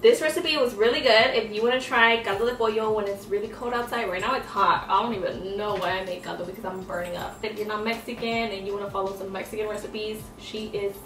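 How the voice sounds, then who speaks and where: A woman's voice: medium pitch, fast talker, hardly any pauses, a bit bright, echoey room, far from the mic, soft background music, low-quality recording. A young woman chatting casually through a cooking vlog, tasting food as she talks. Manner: chatty, eating while talking. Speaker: vlogger.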